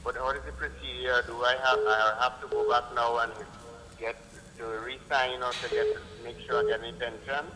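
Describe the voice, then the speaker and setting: A male caller heard over a phone on speakerphone, sounding a little distant. He talks in a halting, hesitant way at an ordinary pitch. The call carries a long reverb and clear background noise. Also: flat delivery, pushed and bright. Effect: phone call on speakerphone, distant from mic. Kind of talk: call-in question.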